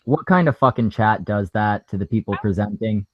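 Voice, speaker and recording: A man co-hosting a livestream who delivers crude jokes in a mock-stern deadpan. His voice sits a little low. The audio is dry and muffled, like call audio. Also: moderate pace, dry recording. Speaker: stream co-host. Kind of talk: casual profane chat.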